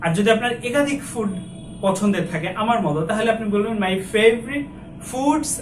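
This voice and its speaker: A man in his twenties from Bangladesh teaching a spoken English lesson, slowly drilling each phrase and repeating it for learners. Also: high-pitched, expressive, echoey room, far from the mic, slight background noise. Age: 20s.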